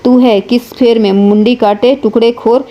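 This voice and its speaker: A woman reading the lines of a fierce, sharp-tongued village wife and mother in a heated, scolding manner. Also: on the high side, steady tone, normal speed, highs cut off, close to an everyday voice. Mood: angry.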